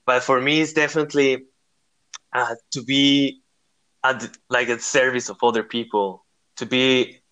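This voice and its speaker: A man's voice: medium pitch, flat delivery, a little slow, sharp tone. A young man from Rica, answering interview questions in an earnest, searching way, full of fillers and restarts. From Costa Rica. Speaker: guest. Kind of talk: interview conversation.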